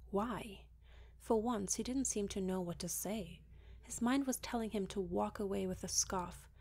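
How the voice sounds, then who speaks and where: A woman narrating a fan-fiction audiobook in a calm, steady reading voice. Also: medium pitch, slightly rough. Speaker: audiobook reader.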